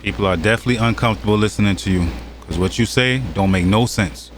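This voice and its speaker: Running a reaction commentary, a man from the United States ridicules and disputes the clips he shows, talking at a quick pace in a lowish voice. Faint background noise can be heard.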